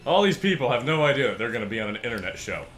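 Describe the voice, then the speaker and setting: A young man co-hosting a video game let's-play, joking and bantering with bursts of shouting. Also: medium pitch, sing-song, racing, slight background noise. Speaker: gaming channel co-host.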